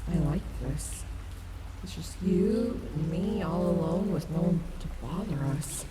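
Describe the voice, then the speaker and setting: A woman's voice: lowish voice, unhurried, heavy background noise, natural voice. A woman voicing a confident, playful animatronic wolf, cocky and teasing yet tender, in an audio roleplay. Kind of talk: ASMR audio roleplay, companionable acting.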